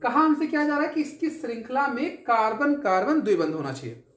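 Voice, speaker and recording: A woman's voice: fairly high pitch, very animated, brisk, echoey room. A woman teaching a chemistry lesson, explaining step by step, asking her students questions and answering them herself, often checking that they follow. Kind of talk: classroom lecture.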